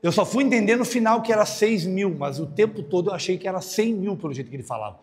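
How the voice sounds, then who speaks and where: A male pastor preaching a lively sermon, joking and acting out the voices of people in his stories. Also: fast talker. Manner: animated, jokey, acts out other voices with big pitch jumps. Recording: long hall reverb.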